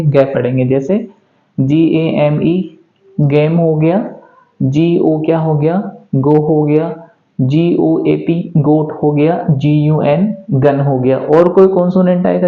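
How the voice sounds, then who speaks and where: Man teaching pronunciation. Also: fairly high pitch. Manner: asks a question and then answers it himself, spells words out letter by letter. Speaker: English teacher. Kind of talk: pronunciation lesson in Hindi. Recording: echoey room, dull lo-fi sound.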